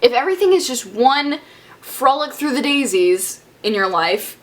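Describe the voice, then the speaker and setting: A woman's voice: high voice, very animated, normal speed. Bubbly chatty young woman vlogger. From Southern US. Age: young adult. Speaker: beauty vlogger. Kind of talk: casual Q&A vlog.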